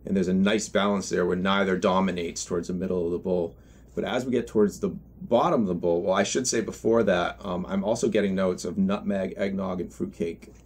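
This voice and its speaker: A man giving an unscripted product review in a halting, reflective way, often correcting himself as he goes. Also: sits low, fairly even intonation, a little hiss or hum. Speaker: pipe tobacco reviewer.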